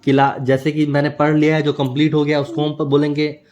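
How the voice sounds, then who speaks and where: Man teaching grammar with a dark voice. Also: a little high, completely flat delivery, fairly quick, lo-fi sound. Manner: explains step by step, checks with a tag question. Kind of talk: grammar lesson.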